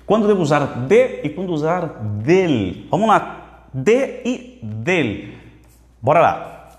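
A man's voice: on the high side, very animated, takes it slowly, soft background music. A Brazilian man teaching Spanish in a live question-and-answer session, reading viewers' questions aloud and repeating phrases with energy. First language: Portuguese. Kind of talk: live Q&A lesson. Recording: echoey room with long reverb.

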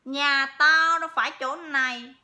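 Woman putting on a gruff possessing spirit. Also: high-pitched, steady tone, a little slow, bright, forceful tone, voice pushed up, exaggerated voice. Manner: gruff, curt and blunt. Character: rude spirit possessing a grown man.

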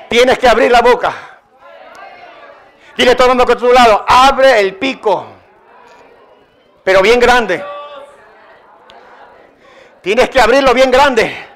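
An extremely high-pitched, slightly bright male voice belongs to a pastor delivering a Sunday sermon in church. He hammers his points through repetition and emphasis, pressing the congregation to respond, and the service is live-streamed.

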